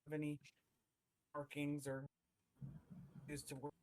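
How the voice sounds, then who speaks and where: A player chats in character over a choppy online call that keeps breaking up. The sound stutters and drops out, leaving stray words. The close, dry audio sits at a middling pitch. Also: monotone, a little slow, darkish tone, no room sound, poor audio. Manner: trails off mid-phrase as the connection cuts out. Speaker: tabletop game player. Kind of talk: casual in-character talk over voice chat.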